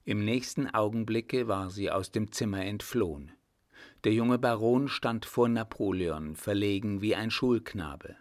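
A man reading a classic novel aloud as an audiobook narrator, measured and even. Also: fairly low pitch, no echo, studio quality. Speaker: audiobook reader.

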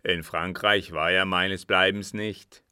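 A man reading a storybook voices a brusque, scheming former French captain who curses and speaks low and forcefully. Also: steady tone, slow pace, no room sound, clean studio sound, exaggerated voice. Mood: gruff. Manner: gruff, brusque, cursing.

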